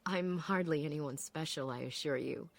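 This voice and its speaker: A solemn husky elf apprentice. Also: female voice, low-pitched, no room sound. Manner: measured, solemn, reflective. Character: calm proud female Dalish elf apprentice.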